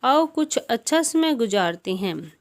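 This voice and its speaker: A woman's voice: a little high, sing-song, unhurried. A woman voicing a carefree, playful male grasshopper in a storybook tale, coaxing and breezy.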